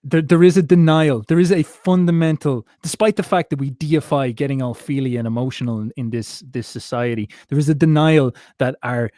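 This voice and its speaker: Male interview host, rambling and musing, mid-pitched voice, dry close sound. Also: a little fast, few pauses, warm tone, no room sound. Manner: rambling, musing, many fillers. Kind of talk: casual interview talk.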